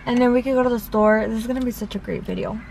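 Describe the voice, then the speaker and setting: A woman's voice: fairly high pitch, fairly even intonation, racing, gravelly, noisy background. A young woman in a casual couple vlog, playfully indignant and bantering, often saying "dude" and "bogus". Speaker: vlogger, girlfriend.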